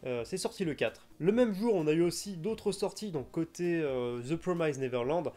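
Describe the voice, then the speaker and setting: A man's voice: a little high, lively intonation, normal speed, a little mellow. A young man hosting a casual video, chatting enthusiastically with frequent hesitations. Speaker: manga news YouTuber.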